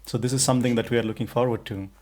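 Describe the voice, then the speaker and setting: A man's voice: mid-range voice, fairly even intonation, racing, a little mellow. A man co-hosting a podcast in a casual, chatty way with frequent restarts. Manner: chatty, many restarts and fillers. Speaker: podcast co-host.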